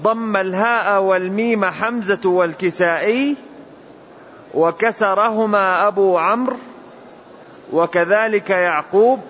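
A man reading a classical commentary aloud in a measured, deliberate recitation, as a student before his teacher. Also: high voice, a bit bright. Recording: dull lo-fi recording with faint hiss.

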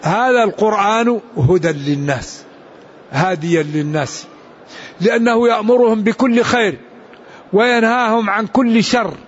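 A man teaching a religious lesson in an explanatory, unhurried way, restarting and adding asides. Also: sits high, dull audio. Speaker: Islamic scholar.

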